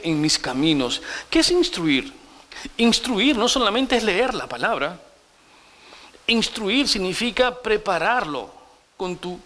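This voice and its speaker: A middle-aged man delivers a sermon as pastor, his voice sitting noticeably high for a man. He preaches in an animated, storytelling way and turns often to his listeners with direct questions.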